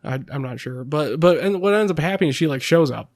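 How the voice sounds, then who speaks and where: A man's voice: a little high, animated, fast talker, dry recording, studio quality. A young man co-hosting a podcast, talking casually in a rambling way with many fillers and frequent laughs. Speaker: podcast co-host. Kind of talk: casual chat.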